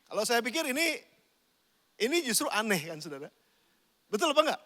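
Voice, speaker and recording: Male pastor, sermon, conversational, high voice, long hall reverb. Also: big pitch swings, fairly quick, bright, forceful tone. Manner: conversational preaching, addresses listeners as brothers and sisters.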